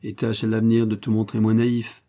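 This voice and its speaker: A man's voice: lowish voice, monotone, brisk, lightly acted. A man voicing a haughty, hot-tempered Russian prince who gives orders and rages in a storybook reading. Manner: imperious, shouting in fury.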